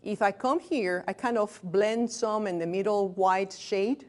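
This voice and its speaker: A physician in her late thirties with a Venezuelan Spanish accent gives a staff training lecture to a small workplace group in a room. She is candid and self-deprecating, tossing in joking asides and breaking off to restart words. Her voice sits at an ordinary middle pitch for a woman, with fairly even intonation and a measured pace.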